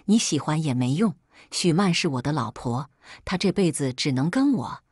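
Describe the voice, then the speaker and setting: A woman reading the lines of a cold, ruthless rich young husband in a spoken drama story, icy and menacing, in a low, husky voice. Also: animated, normal speed, no echo, clean studio sound.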